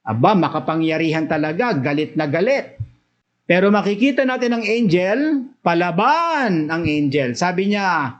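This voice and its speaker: In a high-pitched voice, this man preaches a Bible study sermon with a Filipino accent. He moves between Tagalog and English, reading scripture and then unpacking it in emphatic, rising bursts.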